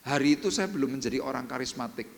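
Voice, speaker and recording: A male pastor preaching a sermon, telling a personal testimony, dropping to hushed tones and rising to emphatic peaks. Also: mid-range voice, fast talker, gravelly. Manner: animated storytelling testimony, swings between hushed and emphatic. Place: church. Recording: reverberant church hall.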